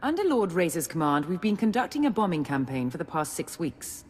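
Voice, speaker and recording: A woman's voice: on the low side, sing-song, a little fast, a little mellow. A woman playing a stern, businesslike Imperial military officer in a video game, briefing with authority. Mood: businesslike, resolute. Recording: long hall reverb.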